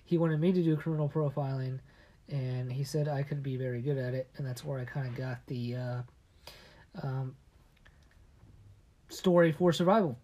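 A man co-hosting a casual podcast chat at a medium pitch. He stumbles through restarts as he tells his stories and keeps sinking into a low, conspiratorial hush. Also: lo-fi sound, slight background noise. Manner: halting storyteller with many restarts. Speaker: podcast co-host.

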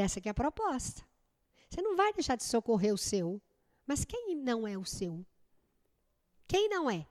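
A woman's voice: fairly high pitch, a little mellow, big-room sound. A woman with a Brazilian Portuguese accent teaching a spiritist study group, asking rhetorical questions and checking that the class follows.

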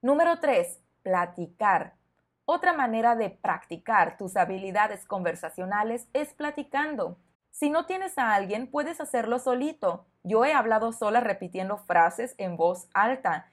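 A woman hosting a podcast lesson for learners, speaking clearly and encouragingly to the listener. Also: mid-range voice, animated, a little slow. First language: Spanish. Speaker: Spanish teacher, podcast host.

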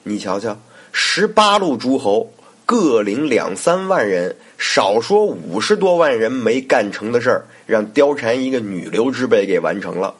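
A man's voice: fairly low pitch, sing-song, moderate pace, hardly any pauses, breathy edge. A man, telling a historical story in a chatty, colloquial way as podcast host. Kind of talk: casual storytelling narration.

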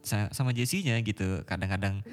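A man's voice: on the low side, brisk, faint music behind. A man, talking casually and reflectively and mixing in English phrases. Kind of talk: casual chat.

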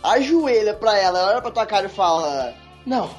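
A Brazilian man on a podcast reacts with loud disbelief, and his pitch jumps all over. Music plays clearly behind him. He speaks casually and bluntly. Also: big pitch swings, fairly quick. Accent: Brazilian Portuguese. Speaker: podcast co-host. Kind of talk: casual chat.

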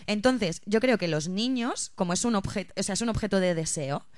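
A woman's voice: mid-range voice, expressive, moderate pace, darkish tone, no echo, studio quality. A woman co-hosting a casual podcast chat, thinking aloud with frequent restarts and hesitations. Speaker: podcast co-host.

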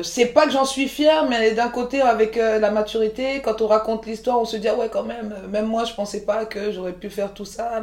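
A woman's voice: mid-range voice, a little mellow, roomy sound. A woman in her forties, born in the Ivory Coast, talking frankly as an interview guest, full of restarts and fillers. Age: 40s. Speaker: guest, chef and entrepreneur. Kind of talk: candid conversational interview.

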